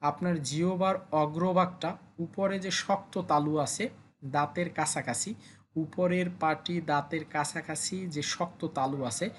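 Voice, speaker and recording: Teacher, female, deep-toned, patient drilling of sounds, light background hiss. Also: fairly even intonation. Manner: patient, repeats sounds slowly for learners. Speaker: language teacher. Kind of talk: classroom pronunciation lesson.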